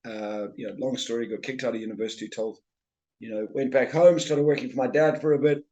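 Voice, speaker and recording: Appearing as a guest, a middle-aged Zimbabwean-accented sales trainer and speaker chats casually, repeating words as thoughts get going. His medium-pitched voice is fairly quick and fairly even, with a dark tone and cut-off highs.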